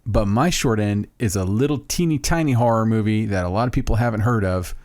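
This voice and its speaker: With a fairly low, darkish voice and a slightly quick pace, a man co-hosting a podcast chats casually about a film he loves. He rambles with enthusiasm and keeps interrupting himself, all captured in clean studio sound without room noise.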